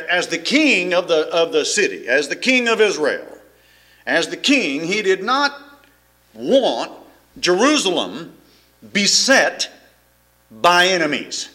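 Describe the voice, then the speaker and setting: Pastor, middle-aged man, folksy and rambling, bright animated voice, fairly high. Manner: folksy, rambling with frequent restarts and chuckles. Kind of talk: sermon.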